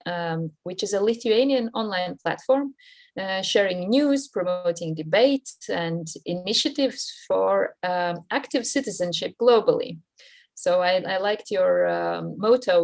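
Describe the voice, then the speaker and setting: A woman moderating a webinar, introducing the next speaker in a formal, measured, halting way over a video call. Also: medium pitch, gravelly, no room sound.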